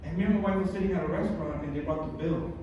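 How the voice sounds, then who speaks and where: On a comedy club stage, a middle-aged man does stand-up, talking at a racing clip in a slightly high voice with a dark tone. He was born in Massachusetts and grew up in California, and his chatty, rambling delivery keeps stumbling into fillers and restarts. He's captured from far off in an echoey room with background noise.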